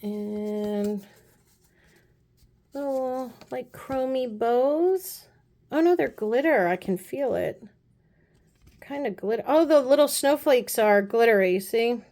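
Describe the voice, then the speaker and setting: A chatty woman talks through a nail art haul in a slightly high voice. She gushes over each item and often drops into soft, low asides. It sounds like a relaxed home video. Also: slow, long pauses. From United States. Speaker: beauty vlogger. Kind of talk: casual nail haul chat. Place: apartment room.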